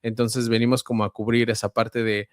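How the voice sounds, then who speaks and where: A man with a central Mexican accent, a voice-over artist and guest, explaining at a measured pace with frequent hesitations. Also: on the low side, level tone, no room sound, studio quality. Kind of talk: conversational interview answers.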